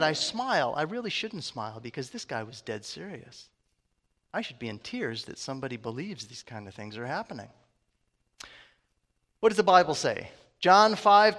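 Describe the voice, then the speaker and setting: A man's voice: a little high, a bit bright, long reverb tail. A man preaching a conversational sermon, often asking his congregation questions.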